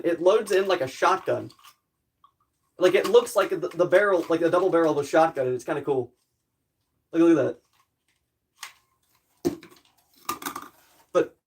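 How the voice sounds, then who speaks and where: Male streamer, slightly high voice, rambling wry commentary while working with tools. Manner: rambling, jokey self-deprecating running commentary. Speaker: livestreamer. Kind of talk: casual livestream chat while tinkering.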